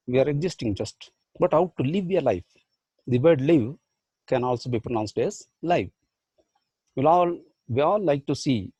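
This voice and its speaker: Gravelly Indian man giving a motivational lecture. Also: medium pitch, a little mellow, no room sound. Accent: Indian English. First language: Badugu. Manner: rhetorical questions, repeated phrases. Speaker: professor and life skills trainer.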